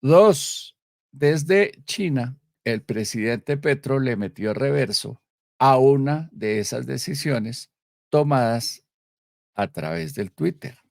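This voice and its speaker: A man from Colombia hosting a live political commentary show, speaking emphatically with many pauses and self-corrections. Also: medium pitch, expressive, creaky, no room sound, clean studio sound. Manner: emphatic, stresses key words, frequent pauses and self-corrections.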